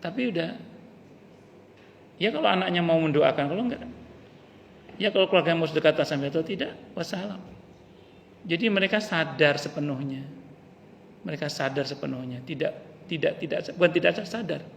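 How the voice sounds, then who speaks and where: A man's voice: on the high side, a little fast, vocal fry, pauses often. A male ustaz, giving a casual mosque study-circle sermon and acting out quoted lines as he tells stories. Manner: storytelling with acted quotes, plain colloquial. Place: mosque hall. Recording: reverberant mosque hall, faint hiss.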